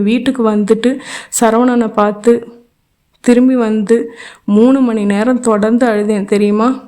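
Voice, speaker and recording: A woman's voice: fairly high pitch, dark tone, lightly acted. Woman reading as a tearful, impassioned young divorcée. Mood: pleading. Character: heartbroken young divorced woman pleading for love.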